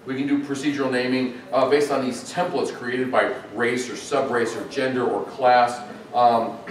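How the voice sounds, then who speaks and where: A man's voice: mid-range voice, moderate pace. Man lecturing in a very echoey hall. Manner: animated, chatty, with frequent ums and uhs. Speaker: conference speaker on game AI. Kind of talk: technical conference talk. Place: large echoey conference hall. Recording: echoey hall, distant mic, faint noise.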